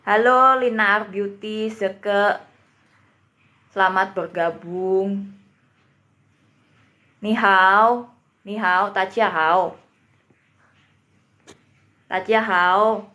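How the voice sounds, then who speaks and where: A woman teacher speaks very slowly, going over each word again and again at an unhurried pace. Her voice rings in an echoey room. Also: mid-range voice, steady tone, pushed and bright. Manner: patient, repeats words and drills pronunciation. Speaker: Mandarin teacher. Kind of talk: live-streamed beginner language lesson.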